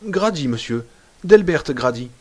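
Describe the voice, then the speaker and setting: A man puts on a storybook waiter who stays perfectly calm and courteous. His speech is formal and quiet, a touch high in pitch. The politeness never cracks, and that is what makes him unsettling. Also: measured pace. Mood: politely eerie. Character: soft-spoken, eerily polite male hotel waiter.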